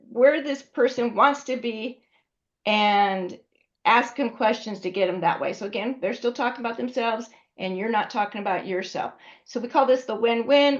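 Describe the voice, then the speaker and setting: A woman teaching a class in a conversational way, often checking in with her students. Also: fairly high pitch. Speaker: instructor. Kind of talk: classroom lecture. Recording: dull lo-fi recording.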